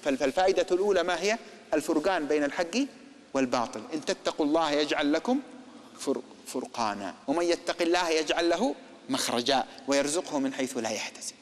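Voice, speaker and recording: A man's voice: a little high, quick pace, big-room sound. A man preaching a religious lecture, posing rhetorical questions and acting out imagined dialogues.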